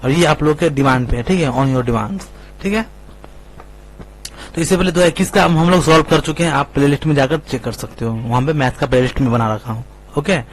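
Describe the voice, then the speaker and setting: A man's voice: a little high, fairly quick. A man teaching a math exam-prep lesson, emphatic and checking in constantly with his students. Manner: emphatic, keeps asking "clear?" and "okay?". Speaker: math tutor.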